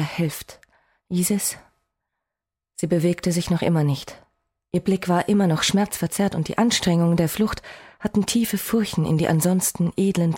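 A woman narrating a first-person fantasy audiobook, expressive with dry, wry asides. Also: fairly low pitch, breathy edge.

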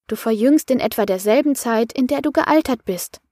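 A woman reading an audiobook voices a calm female coach who soothes and explains. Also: a little high, moderate pace, no room sound, clean studio sound, natural voice. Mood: soothing.

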